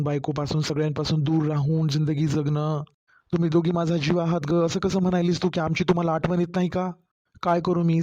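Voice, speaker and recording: A man's voice: on the high side, mellow, muffled recording, natural voice. A man with a Marathwada Marathi accent voicing a tired young husband working far from home who pleads for understanding in a cartoon story.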